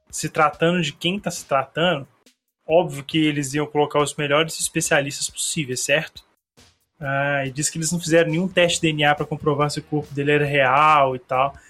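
Slightly hoarse man hosting a chatty podcast. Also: a little high, fairly bright tone. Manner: chatty, rambling, slangy. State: a bit hoarse. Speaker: podcast host. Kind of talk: casual solo podcast monologue. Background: faint song playing.

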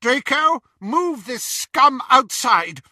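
A man's voice: big pitch swings, slow, sharp tone, no echo, clean studio sound, exaggerated voice. A man voicing a cruel, unhinged woman who shrieks and barks orders. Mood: shrieking, commanding. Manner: shrill, screaming, commanding.

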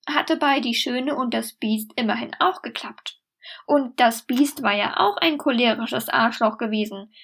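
Woman reading a silly fairy tale, high voice, dry mock-serious tone. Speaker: storyteller. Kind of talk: scripted satirical fairy-tale narration.

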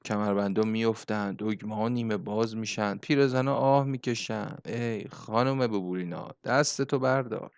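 A man's voice: on the low side, vocal fry, hardly any pauses, clean tone, no echo. Man reading a boisterous earthy old workman.

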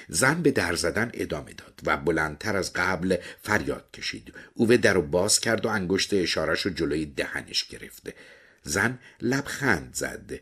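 Low husky guy reading a story out loud, voice goes up and down a lot. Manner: expressive storytelling with lively pitch swings. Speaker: audiobook narrator. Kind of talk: storybook narration.

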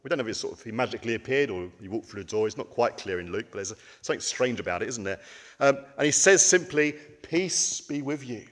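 A man's voice: lowish voice, lively intonation, fast talker, a bit bright, long reverb tail. A man giving a conversational sermon, with frequent ums and rhetorical questions. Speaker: preacher.

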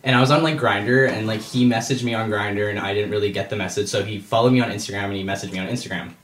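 A man's voice: fairly low pitch, steady tone, fast talker, a bit bright. A young man in his early twenties, a musician guest chatting casually in a rambling way full of fillers. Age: young adult. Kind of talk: casual chat. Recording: echoey room.

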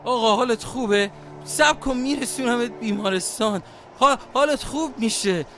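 A man's voice: very high-pitched, sharp tone, a little hiss or hum. An actor playing an older, fatherly taxi driver in an audio drama, pleading and prone to stammer when frightened. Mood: panicked. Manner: pleading, stammering under pressure.

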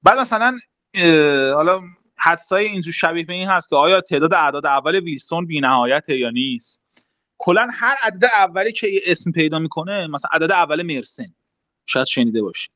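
Young man, slightly high voice, dry close sound; casual step-by-step explainer with fillers. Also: lively intonation, sharp tone, no echo. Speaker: math talk host.

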